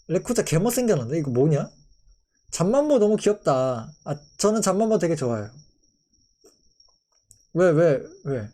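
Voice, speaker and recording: Young male streamer, bright high voice, jumpy delivery, teasing and incredulous with chat. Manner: playful, mock-outraged, talks to chat. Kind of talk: casual commentary to viewers.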